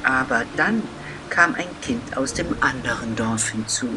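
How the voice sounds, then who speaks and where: A man telling a children's story as scripted narration, slow and deliberate with dramatic pauses. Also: mid-range voice, lively intonation, background noise.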